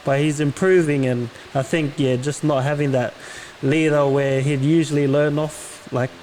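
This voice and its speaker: A man's voice: fairly high pitch, steady tone, normal speed, darkish tone, low-quality recording. A man giving casual sports opinions as a panelist, in loose conversational phrasing. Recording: slight background noise.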